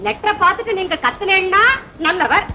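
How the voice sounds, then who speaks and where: An actress playing a meddling, quick-tongued woman who scolds and carries on dramatically in an old Tamil film comedy. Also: extremely high pitch, animated, pushed and bright, a little hiss or hum, exaggerated voice. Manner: scolding, theatrical. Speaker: film character, meddling neighbour.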